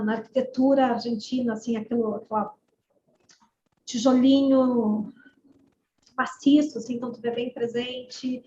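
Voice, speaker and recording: A woman's voice: a little high, dark tone. A woman from northern Brazil, a guest, chatting casually and describing things with small hesitations. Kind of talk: casual chat. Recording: dull echoey room recording with faint noise.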